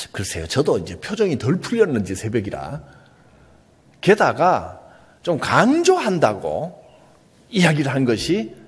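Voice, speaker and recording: A male pastor with a Gyeongsang Korean accent, preaching an earnest, emphatic sermon with soft asides. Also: fairly high pitch, breathy edge, long reverb tail. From Gyeongsang region, Korea.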